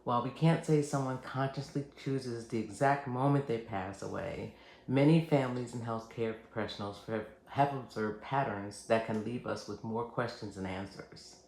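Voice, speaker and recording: Gravelly-voiced man, measured and reassuring. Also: medium pitch, darkish tone. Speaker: hospice nurse and channel host. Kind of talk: scripted educational narration to camera. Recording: roomy echo, faint background noise.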